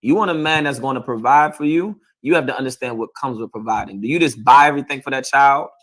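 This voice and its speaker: A man preaching a colloquial sermon, repeating himself and asking "you understand?" again and again, sometimes rising to loud emphatic bursts. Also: mid-range voice, fast talker. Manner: repetitive, asks "you understand?" often. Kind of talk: street sermon.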